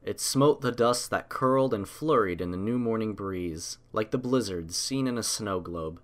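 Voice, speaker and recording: A man with a lowish voice reads a story aloud as scripted audiobook narration, using a measured, literary storytelling manner.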